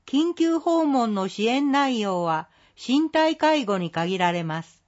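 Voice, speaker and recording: A woman reading a scripted community announcement in a polite, measured, formal way. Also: on the high side, animated, darkish tone, dull audio. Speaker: care facility staff announcer.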